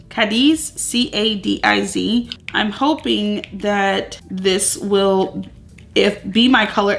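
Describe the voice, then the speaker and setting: A chatty woman in her thirties hosts a relaxed beauty vlog from her home. She talks in an upbeat, rambling way, leaning on filler words as she goes. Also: mid-range voice, gravelly. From Southern US. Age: 30s. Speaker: beauty vlogger. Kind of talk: casual chatty get-ready-with-me vlog. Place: at home among moving boxes.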